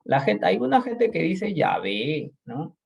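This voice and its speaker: Teacher type: man leading a Bible class over a video call, gravelly and a little husky, with a lively voice that checks in with his students constantly. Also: sits high, takes it slowly. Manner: explanatory, often checks in with "¿no?" and "¿ok?".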